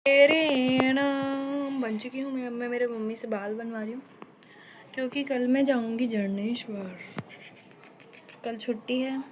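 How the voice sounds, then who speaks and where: A woman's voice: a little high, fairly even intonation, a little slow. A young woman vlogging casually on her phone, chatting straight to her viewers and laughing often. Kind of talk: casual vlog chat. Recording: loud background noise.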